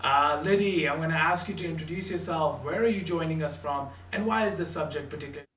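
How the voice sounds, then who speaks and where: A man's voice: on the high side, fast, fairly bright tone. Man moderating a panel from a roomy room. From Canada. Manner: polished, quotes proverbs. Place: home office in Ontario. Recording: roomy distant mic, faint hum.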